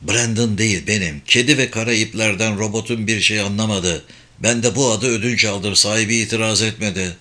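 A man's voice: on the low side, brisk, pushed and bright. A man voicing a tough male agent who speaks in a blunt, commanding way in an audiobook. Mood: urgent.

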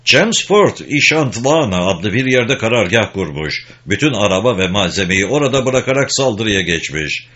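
A man's voice: lowish voice, sing-song, moderate pace, few pauses, pushed and bright. A man voicing a small, wry English soldier who speaks bluntly and matter-of-factly, on a dull lo-fi recording.

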